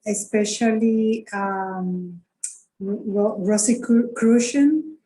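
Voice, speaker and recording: A woman from Rico, a guest in a conversation on a video call, speaking thoughtfully and hesitantly with soft laughs. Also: mid-range voice, extremely slow, a little hiss or hum, rough recording. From Puerto Rico. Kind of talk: conversational interview.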